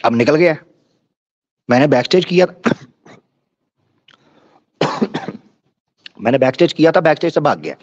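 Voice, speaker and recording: A man's voice: on the high side, lively intonation, unhurried, pauses often, darkish tone, dry recording. A man hosting a live-stream debate, ranting in a taunting, mocking and crude way. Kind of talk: combative live-stream rant. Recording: dull lo-fi stream audio.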